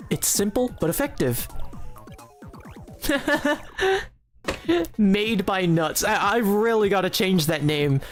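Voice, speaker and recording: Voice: mid-range voice, animated, moderate pace, few pauses, soft background music. A streamer giving casual live commentary while making a game, giggly and rambling, often restarting sentences and joking in a mock-serious way to chat.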